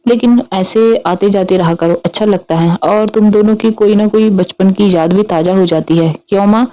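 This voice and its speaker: A woman voicing a gentle, hospitable middle-aged mother in a read-aloud story. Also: mid-range voice, moderate pace, natural voice, rough recording.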